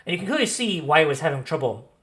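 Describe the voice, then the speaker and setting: A man's voice: on the high side, big pitch swings, rapid-fire, fairly bright tone. A man running a tabletop fantasy game as game master, improvising narration and often repeating and rephrasing as he describes. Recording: music playing behind the voice. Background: background music.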